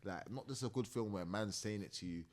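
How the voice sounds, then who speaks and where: A man's voice: on the low side, quick pace. A man with a South London accent in casual chat, emphatic and heavy on street slang. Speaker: podcast host.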